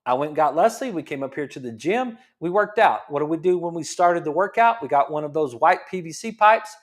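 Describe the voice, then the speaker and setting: A man's voice: on the high side, expressive, a little fast. A man in his fifties, a chiropractor, giving a casual health talk that explains things, repeats points and asks rhetorical questions. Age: 50s. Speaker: chiropractor host.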